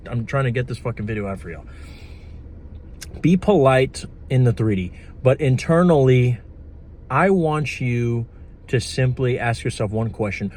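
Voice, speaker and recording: A man's voice: medium pitch, darkish tone, slight background noise. A man giving blunt, profane dating and manifestation advice in a casual vlog. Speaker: manifestation coach.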